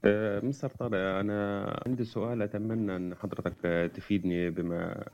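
A man's voice: fairly low pitch, steady tone, fast talker, darkish tone. A man with an Egyptian accent politely asking the host questions in a live audio room. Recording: dull phone-app audio.

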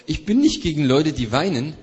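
A man's voice: on the high side, lively intonation, fairly quick, darkish tone, slightly rough, highs cut off. Man interpreting a sermon, echoey hall. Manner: follows the preacher's energy, hesitant fillers.

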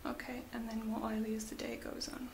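A woman whispering gently as a spa beauty therapist in an ASMR roleplay, slow and soft with little fillers. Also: a little high, little pitch movement, gravelly. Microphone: close sensitive mic. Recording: hissy close mic.

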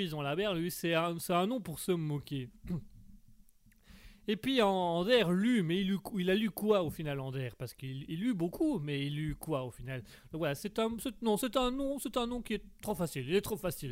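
A man hosts a relaxed live stream, chatting with his viewers. His voice sits a little high, and he rambles along, stacking puns and tripping over restarts and fillers. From Belgium. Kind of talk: casual live stream chat reading chat messages.

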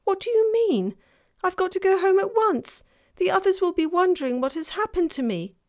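A woman's voice: very high voice, animated, normal speed, pitched above the performer's own voice. A woman voicing a frightened, earnest young girl who pleads in distress.

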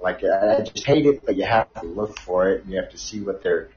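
A man talking casually as a call-in guest on a talk show, halting with stumbling restarts while his call audio breaks up and drops out. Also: low-pitched, animated, a little mellow. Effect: call audio breaking up and dropping out. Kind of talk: casual political chat. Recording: dull lo-fi call line.

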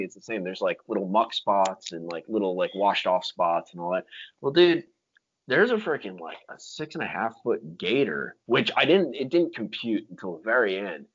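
A man's voice: fairly low pitch, a bit bright, slightly rough. A man telling stories in casual chat, with slangy talk full of dude, like and freaking. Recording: dull lo-fi sound.

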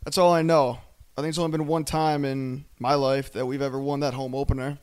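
Hoarse, raspy male podcast co-host. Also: mid-range voice, little pitch movement, a little fast, a little mellow. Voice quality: raspy, strained voice. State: hoarse, voice lost from yelling. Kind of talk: casual sports fan chat.

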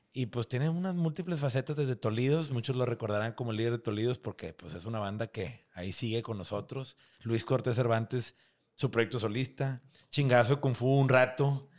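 A man with a northern Mexican accent hosts a casual podcast chat. His mid-pitched voice carries loose slang and plenty of swearing. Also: normal speed, a little mellow. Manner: slangy and profane. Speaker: podcast host.

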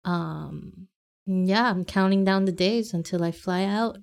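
A woman's voice: medium pitch, takes it slowly, vocal fry. A woman co-hosting a laid-back podcast, talking with a slight lisp from a bitten tongue. She takes her time and breaks into giggles often. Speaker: podcast co-host. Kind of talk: casual chat.

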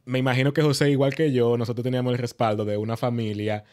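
A man with a Dominican accent and a mid-pitched voice takes part in a discussion. He talks conversationally and explains his points step by step with examples. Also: flat delivery, quick pace, a little mellow. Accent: Dominican Spanish. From Dominican Republic.

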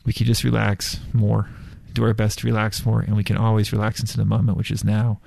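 A man's voice: on the low side, completely flat delivery, fairly quick, creaky, a little mellow, no room sound. A man talking casually and bluntly about spirituality, repeating himself as he goes. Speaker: spiritual talk host.

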